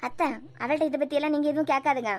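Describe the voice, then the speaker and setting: A woman with a Kanyakumari Tamil accent voicing a calm, sensible middle-aged mother in a cartoon web series. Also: high-pitched, very fast, lightly acted. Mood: confiding. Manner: soothing, matter-of-fact.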